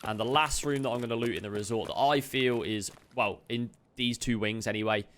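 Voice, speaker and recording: A game streamer gives a chatty, upbeat loot walkthrough, tossing quick asides to viewers. His medium-pitched voice is steady and a bit bright, slightly chesty with an occasional cough, and there's slight background noise.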